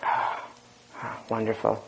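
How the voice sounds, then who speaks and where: A man leading a group dharma discussion as teacher, talking slowly and reflectively with a soft-spoken manner and pauses. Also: a little hiss or hum, low-quality recording.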